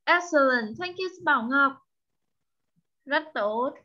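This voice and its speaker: A woman with a Vietnamese accent teaching English online, drilling each word slowly and repeating it many times while switching between English and Vietnamese. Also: high voice, animated, bright, forceful tone, lo-fi sound. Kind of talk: slow drilling of vocabulary for young learners.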